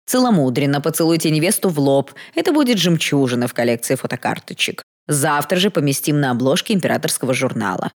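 A woman's voice: sits low, animated, fast, hardly any pauses. A woman voicing a fussy male court photographer who keeps pleading and gushing over his subjects. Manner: begging, gushing, theatrical.

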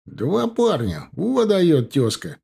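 A man's voice: medium pitch, moderate pace, warm tone, close to an everyday voice. A man reading aloud plays a flustered, stunned middle-aged husband blurting out news.

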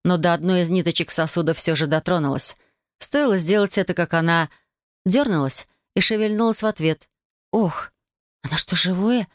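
Мужчина размеренно читает аудиокнигу. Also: male voice, high voice, brisk, clean tone, no room sound, studio quality. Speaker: audiobook reader. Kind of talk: fantasy audiobook narration in first person.

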